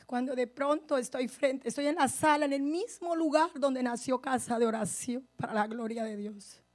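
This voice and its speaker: A woman pastor giving her testimony in a sermon, speaking to her listeners directly and swinging between hushed and forceful delivery. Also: high-pitched, steady tone, normal speed.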